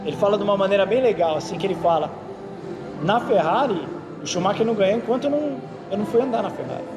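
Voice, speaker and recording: This high-pitched, fast-talking Brazilian man is a racing driver and instructor. He chats casually in an interview, spinning stories with animation and often tossing in "entendeu?" to check in with his listener.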